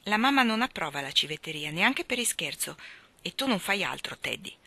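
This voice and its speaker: A woman's voice: fairly low pitch, very animated, normal speed, vocal fry, sharp tone, slightly rough, heavily acted. Woman reading as a frank, lecturing young woman. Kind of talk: audiobook reading.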